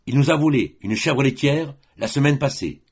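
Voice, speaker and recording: A man voicing an excited, indignant peasant wife who exclaims her words. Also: medium pitch, moderate pace, husky, voice pushed up.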